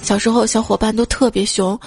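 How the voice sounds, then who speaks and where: A woman's voice: fairly high pitch, steady tone, brisk, loud music behind the voice. A woman hosting a casual joke show, telling funny stories in a playful, giggly way. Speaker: podcast host.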